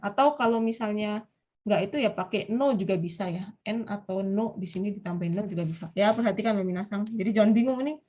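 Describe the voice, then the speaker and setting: A woman's voice: mid-range voice, a little mellow. A woman with an Indonesian accent teaching a Japanese grammar class online, explaining step by step and often putting questions to her students.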